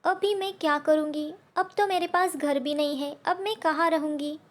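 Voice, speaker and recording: A woman's voice: high-pitched, steady tone, normal speed, lightly acted. Woman reading a polite little sparrow.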